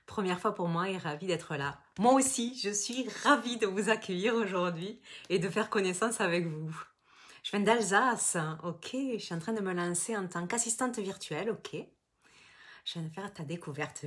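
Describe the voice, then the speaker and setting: Woman, southern French accent, business coach hosting a live online class, chatty, reads viewer comments aloud. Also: medium pitch. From Toulouse, southern France.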